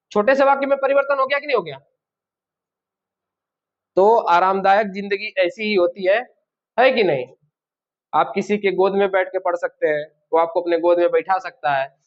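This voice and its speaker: High-voiced man teaching a grammar class. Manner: asks the class rhetorical questions and answers them himself. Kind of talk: classroom lesson. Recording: dull lo-fi classroom recording.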